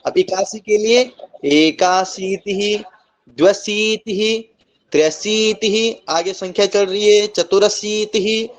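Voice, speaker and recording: A man teaching Sanskrit numbers in an online coaching class, reciting slowly and deliberately and often checking in with his students. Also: sits high. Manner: slow, deliberate recitation with frequent "ठीक है?" checks. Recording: slightly dull lo-fi recording.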